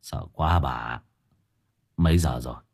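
A man voicing a frightened older village chief who stammers in a hushed, low voice. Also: measured pace, breathy edge, exaggerated voice. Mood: shaken. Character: shaken older village chief, timid and trembling.

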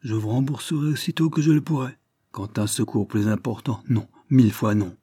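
A man's voice: medium pitch, fairly quick, dark tone, husky, dry recording, clean studio sound, lightly acted. A man voicing a proud, touchy young man who bitterly refuses help in an audiobook. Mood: firm.

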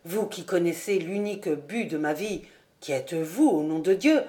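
A woman's voice: lowish voice, lively intonation, normal speed, dark tone, natural voice. A woman voicing a loyal, honest male squire in an audiobook, speaking earnestly and urgently. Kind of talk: audiobook character voice.

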